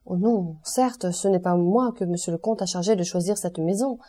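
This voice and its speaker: A woman reading the part of a nervous, servile male steward who speaks in a hurried, flustered way, in an audiobook. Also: on the low side, dark tone, natural voice.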